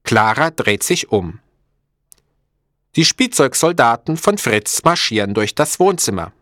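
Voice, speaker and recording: A male narrator reading a story at a slow, careful pace, with a lively, expressive pitch. The recording is dry and close to the mic. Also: dry recording. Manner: clear, deliberate, expressive.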